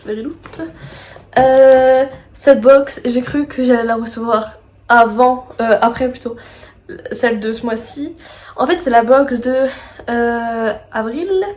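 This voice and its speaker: A woman's voice: a little high, fairly even intonation, slow pace, darkish tone. Chatty young woman unboxing books. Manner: chatty, rambling, many fillers and asides. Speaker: book vlogger. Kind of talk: casual unboxing vlog.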